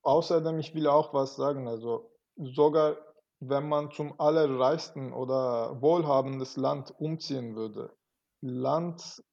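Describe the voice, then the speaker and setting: A man with a gravelly, dark voice, speaking as an interview guest. He pauses often and restarts his sentences while he searches for words. The recording sounds dull and lo-fi. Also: medium pitch. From Turkey. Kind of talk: conversational interview.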